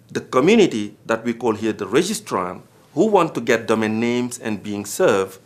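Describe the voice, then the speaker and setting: Earnest Senegalese man recounting his experience. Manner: earnest, rises in pitch and volume on key points. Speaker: former board director. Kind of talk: recorded personal account.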